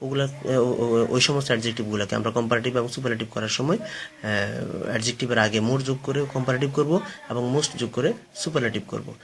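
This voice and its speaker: A man's voice: medium pitch, steady tone, quick pace, fairly bright tone. A man teaching an English grammar lesson, hesitating often and spelling words out letter by letter. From Bangladesh.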